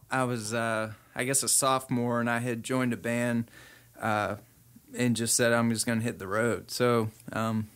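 A man's voice: medium pitch, fairly bright tone. A young man from Kentucky, a musician guest in a casual podcast chat, easygoing and self-deprecating. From Kentucky, USA.

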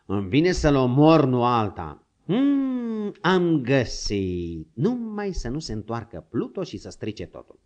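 A gruff, crafty old frontier hunter grumbles and coaxes in a lively, swooping voice, as a man puts him on. The audiobook recording sounds dull and lo-fi. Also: a little high, few pauses, voice pushed up. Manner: grumbling, scolding, coaxing.

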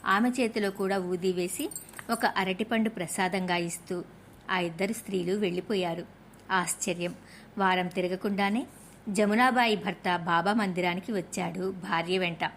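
A woman reading a devotional story aloud as scripted narration, reading steadily and softening her voice for the quoted speech. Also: on the low side, steady tone, moderate pace, a little hiss or hum.

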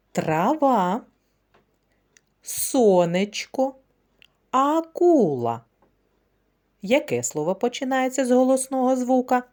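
A woman's voice: fairly high pitch, mellow. A woman kindergarten teacher leading a phonics word game for young children, speaking in a sing-song, encouraging way.

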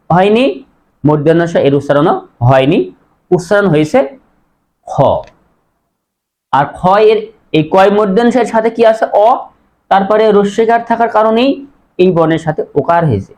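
Man, teacher, high-pitched voice, patient step-by-step explanations, repeats example words, asks questions. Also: a little mellow. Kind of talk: Bengali pronunciation lesson.

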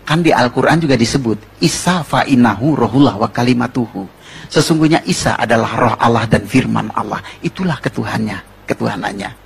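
A man's voice: mid-range voice, vocal fry, husky. A man preaching a conversational sermon, asking the congregation rhetorical questions and telling jokey stories in a slangy, informal way. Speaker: preacher giving a testimony.

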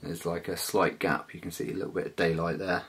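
Low-voiced British man, casual vlogger. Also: little pitch movement, brisk, a bit bright, a little hiss or hum. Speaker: motovlogger. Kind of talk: casual hands-on product walkthrough. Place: small living room, indoors.

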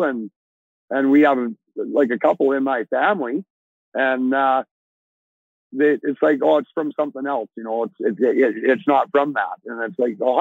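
A man's voice: mid-range voice, creaky, no echo. A man in his sixties from Alberta, a trucker talking casually over a video call from inside his truck cab, plain-spoken and rambling with restarts. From Alberta, Canada. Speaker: trucker guest. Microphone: earbuds on a video call. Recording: dry, tinny video call audio.

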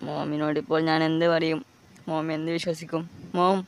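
A man's voice: fairly high pitch, flat delivery, brisk, vocal fry. A young man voicing a desperate young worker who has just lost his job, in an amateur dub of a game short film. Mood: distraught. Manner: pleading, close to tears.

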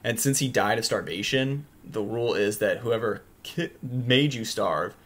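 A man's voice: mid-range voice, measured pace, fairly bright tone, slight background noise. A young man hosting a book podcast, chatting casually and rambling with many restarts and fillers.

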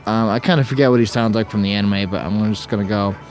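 A man's voice: lowish voice, fairly even intonation, fast talker, a little mellow. A man hosting a Let's Play, rambling and joking with plenty of fillers over faint game music. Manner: rambling, jokey, many fillers. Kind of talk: casual gameplay commentary.

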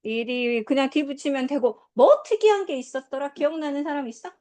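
A woman teaching English to a class, drilling pronunciation and quizzing her students in a lively, coaxing way. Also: sits high, brisk. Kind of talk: classroom lesson.

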